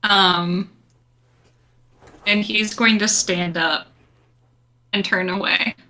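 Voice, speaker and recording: A woman's voice: mid-range voice, steady tone, extremely slow, bright, forceful tone. A woman playing a tabletop game, casually improvising her character's actions.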